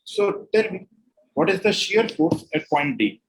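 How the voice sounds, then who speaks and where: This Indian-accented man runs a mock interview, questioning and offering feedback in two alternating languages. His voice is high and very animated yet a little slow, the recording is rough, and he instructs by repeating and rephrasing questions and advice.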